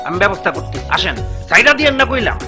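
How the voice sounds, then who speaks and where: A man's voice: high-pitched, big pitch swings, very fast, music in the background. A man playing a grumbling poor servant. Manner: scolding and nagging in dialect. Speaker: servant of the household.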